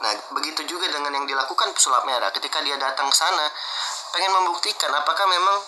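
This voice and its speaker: A man telling the story of a heated dispute in a conversational, animated way, acting out what others said, with frequent "eh" fillers. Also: fairly high pitch, fast talker, slight background noise, poor audio. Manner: animated, acts out quoted exchanges, frequent "eh" fillers. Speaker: martial artist guest recounting events.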